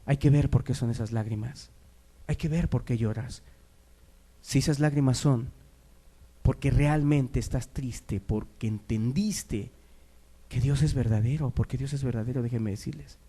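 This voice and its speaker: A man preaching a sermon, moving between quiet, low asides and loud, raised exhortation. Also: slightly rough.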